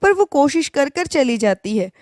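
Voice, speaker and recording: A woman narrating a cartoon story in a plain, even storytelling voice. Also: high voice, normal speed, no room sound, studio quality.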